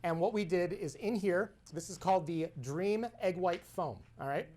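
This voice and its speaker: A woman's voice: on the low side, moderate pace, dark tone. A woman hosting a comedic cocktail show, chatty and explaining each step. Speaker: host.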